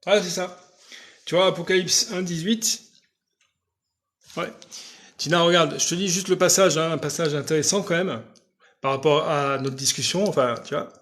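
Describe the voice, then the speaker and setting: Loud, insistent French-speaking preacher. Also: male voice, on the high side, moderate pace, pauses often. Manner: loud, insistent speech with frequent rhetorical checks. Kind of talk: live-stream preaching, answering viewers' questions.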